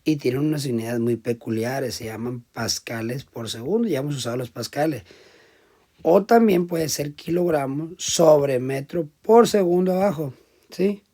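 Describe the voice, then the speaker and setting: A male teacher lectures in a voice that sits a little high. He works through each step and keeps turning to the class with short questions. His volume swings from loud emphasis to quiet asides. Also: moderate pace. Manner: explains step by step, checks in with frequent questions to the class.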